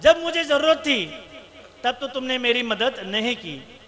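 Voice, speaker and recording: Man doing a young milkmaid, sweetly cross, shrill, insistent, storybook sermon tale. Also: expressive, a little slow, fairly bright tone, exaggerated voice. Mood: chiding. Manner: pleading then chiding, raised and emphatic. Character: scolding young village milkmaid, teasingly cross.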